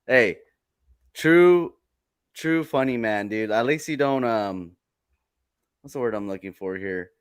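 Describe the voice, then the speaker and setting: A man's voice: medium pitch, lively intonation, takes it slowly, pauses often, clean tone, dry recording, studio quality. A man hosting a casual chat on a video call, loose and rambling with lots of filler. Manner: loose, rambling, says dude a lot. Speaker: host.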